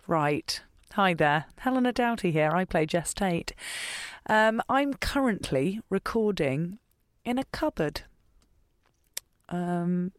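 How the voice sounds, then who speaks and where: A woman with a lowish voice, a voice actor for an audio fiction podcast, rambles casually with dry, self-deprecating jokes while recording in a small cupboard full of coats. The studio-quality sound has no room echo, captured on a tripod-mounted recorder with a pop shield.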